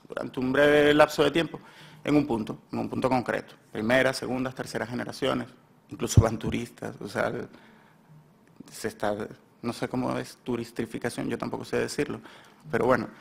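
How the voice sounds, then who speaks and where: A man's voice: medium pitch, vocal fry. A man with a Spanish accent presenting his research at a symposium in a university seminar room, hesitant and often correcting himself as he rambles. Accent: Spain Spanish. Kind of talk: conference talk.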